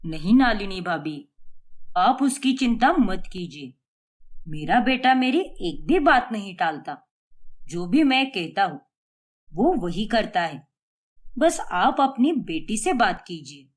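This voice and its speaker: A woman's voice: mid-range voice, very animated, takes it slowly, pitched below the performer's own voice. A woman voicing a middle-aged male family friend in a cartoon story, speaking confidently and persuasively. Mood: assured.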